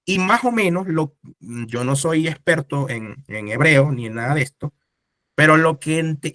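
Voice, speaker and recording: Man, teacher, casual classroom lecture, rhetorical questions, fairly high voice, dry close sound. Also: fairly bright tone, dry recording.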